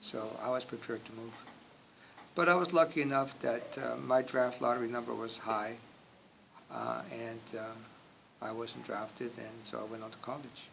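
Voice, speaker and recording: A man in his sixties from Indonesia, speaking slowly in an oral history interview, with frequent pauses and filler words. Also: mid-range voice, steady tone, vocal fry, a bit bright, low-quality recording. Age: 60s. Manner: slow, hesitant, many filler words. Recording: audible background noise.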